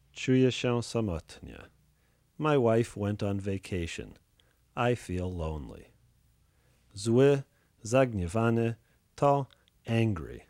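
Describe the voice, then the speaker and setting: A man teaching English phrases as a scripted language lesson, reading each phrase and its translation in a slow, measured way. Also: medium pitch, a little mellow, dry recording, studio quality.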